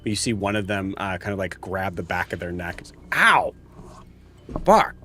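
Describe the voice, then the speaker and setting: A man narrating a tabletop game as game master, casual and halting as he searches for words. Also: sits low, little pitch movement, a bit bright. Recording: music playing behind.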